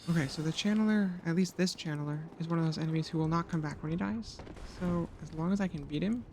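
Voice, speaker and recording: A streamer narrating a game run in a loose, chatty way, cracking jokes and swearing now and then. The voice sits at an ordinary middle pitch. Everything is aimed at the chat watching live. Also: fast talker, a little mellow, a little hiss or hum. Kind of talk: casual gameplay commentary.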